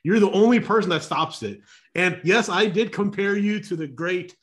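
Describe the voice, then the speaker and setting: A man's voice: high-pitched, moderate pace, fairly bright tone. A man co-hosting a sports podcast, rambling earnestly and repeating words as he builds his point. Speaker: podcast co-host. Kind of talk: casual sports chat.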